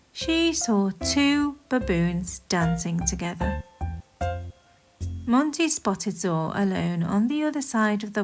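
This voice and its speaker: In a mid-range voice, a woman reads a children's story aloud as scripted narration, delivering it expressively in a deliberate, animated way.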